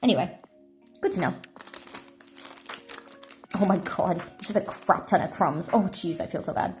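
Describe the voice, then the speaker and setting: Nighttime, an echoey room, a phone microphone: a woman livestreamer snacks and chats in a meandering, conversational way. Her voice, which she calls deeper, has a darkish tone at normal speed, with soft music in the background.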